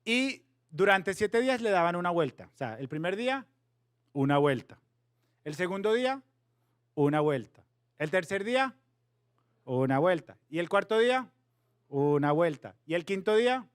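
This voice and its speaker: A man in his thirties preaching a storytelling sermon to a youth group, animated and playful, mixing in English words. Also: high-pitched, smooth, no room sound, clean studio sound. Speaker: youth pastor.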